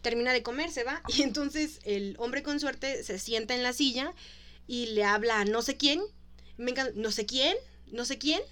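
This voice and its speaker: A woman with a Mexican accent casually retelling a story to a co-host, animated and laughing often. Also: a little high, normal speed. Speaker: podcast co-host.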